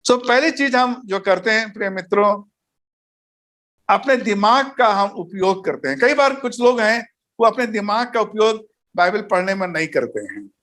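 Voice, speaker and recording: High-voiced pastor teaching Bible study. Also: male voice, lively intonation, moderate pace, a bit bright. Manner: didactic, enumerates points, tells jokes and anecdotes. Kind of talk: recorded teaching session.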